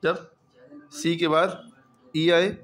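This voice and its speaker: A man's voice: fairly high pitch, little pitch movement, very slow, fairly bright tone. A man teaching English reading in a patient classroom lesson, drilling students with repeated questions.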